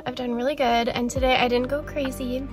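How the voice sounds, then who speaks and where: A woman's voice: high-pitched, level tone, brisk, over music. A young woman giving a chatty, upbeat tour of her home in a casual vlog, filmed on a handheld camera. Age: young adult. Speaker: vlogger. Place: rooms of a home, later a parked car.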